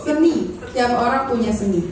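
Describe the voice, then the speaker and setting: High-voiced woman trainer in an echoey room. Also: a little fast, slight background noise. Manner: energetic, asks the audience for agreement again and again. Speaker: public speaking trainer. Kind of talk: live training session. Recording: echoey room, speaker far from the mic.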